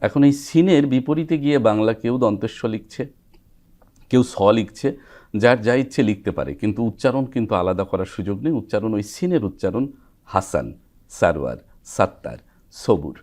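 A man, a recitation trainer explaining pronunciation rules, pausing to sound out example words. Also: medium pitch, animated, dark tone. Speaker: recitation trainer, guest expert. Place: television studio.

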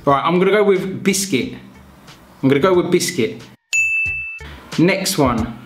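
A man talks in an unhurried, chatty way, teasing himself as he thinks out loud. His voice sits at a middle pitch. The room has noticeable echo, with faint music underneath. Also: animated. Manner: chatty, self-mocking, muses aloud. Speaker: vlogger. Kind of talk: casual vlog chat. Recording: echoey room.

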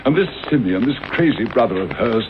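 An actor playing an earnest, kindly but easily indignant middle-aged English gentleman doctor in a radio drama, formal in manner. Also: on the low side, lively intonation, a little fast, close to an everyday voice. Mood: indignant, worried. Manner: earnest, formal, stammers when flustered. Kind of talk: 1980s radio drama acting. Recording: tinny, noisy old radio broadcast.

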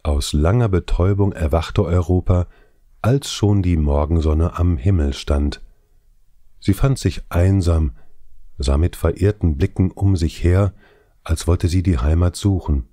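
Man narrating an audiobook, slow solemn storytelling, very deep mellow voice, dry sound. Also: no room sound. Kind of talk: scripted narration.

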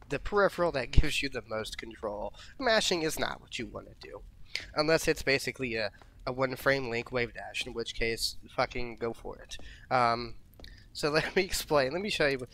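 A man's voice: medium pitch, sharp tone, a little hiss or hum. A man giving a casual, laid-back fighting game tutorial, swearing freely and repeating himself as he explains inputs.

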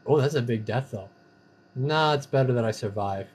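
A man's voice: medium pitch, normal speed, a little mellow, breathy edge. A man giving casual, playful commentary while playing an online game, breaking into sing-song chants and silly catchphrases. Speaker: gamer streamer.

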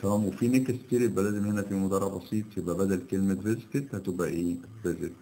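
A male English teacher with an Egyptian Arabic accent reviewing an exam. He reads each English sentence slowly, then explains it in Arabic and asks his students questions that he answers himself. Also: sits low, fairly even intonation, dark tone, slight background noise, poor audio.

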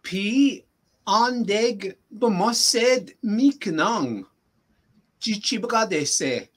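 Slow, patient male language teacher. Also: sits high, lively intonation, fairly bright tone. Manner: patient, repeats phrases slowly for the learner. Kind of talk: casual language lesson.

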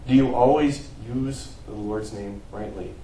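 A man preaches a sermon with a dark, mellow voice. He rises to emphatic peaks, then falls quiet at the ends of phrases. The sound is roomy, with a faint hiss, and he is some way back from the microphone. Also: mid-range voice, measured pace, recorded from a distance. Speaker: pastor. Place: church sanctuary.

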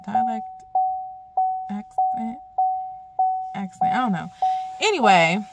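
A young woman with a Chicago accent talks into her phone in the car, chatty and given to laughing and repeating herself. Her voice sits a little high and swings widely in pitch. Loud music plays over the recording. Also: wildly swooping pitch, slow pace. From Chicago, USA. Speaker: vlogger. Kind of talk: casual chat to camera. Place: inside a car, then arriving home. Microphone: phone camera.

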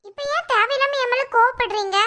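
A woman voicing a defensive, quick-tempered young wife in a cartoon, pleading her case in a Tirunelveli Tamil accent. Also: extremely high pitch, pushed and bright, a little hiss or hum. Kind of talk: cartoon voice acting.

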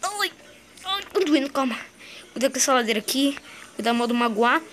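A woman's voice: high-pitched, lively intonation, brisk, very noisy. A woman playing a young male green dinosaur on the run in a game, talking to himself in a chatty, slangy way. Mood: hurting. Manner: chatty, slangy, talks to itself. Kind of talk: in-character game role-play.

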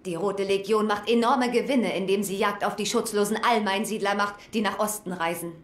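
A woman's voice: medium pitch, brisk, natural voice. An actress voicing a worried, grave female gnome alchemist in a dubbed video game. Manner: grave and fretful. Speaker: game character. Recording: echoey game audio.

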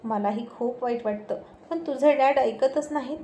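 A woman voicing a tender, emotional mother who speaks softly and pleadingly. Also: sits high, moderate pace, reverberant, a little hiss or hum, natural voice.

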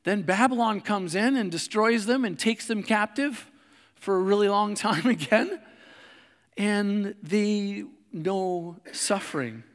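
A man preaching a sermon in a conversational way, with fillers and restarts, and slowing softly on reflective lines. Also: high voice, long reverb tail. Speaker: pastor. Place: church sanctuary.

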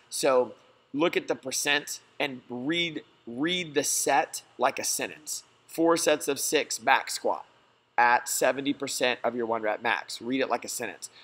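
A man's voice: medium pitch, a little slow, a bit bright. A man, a gym coach, giving a slideshow lesson in a plain, reassuring way.

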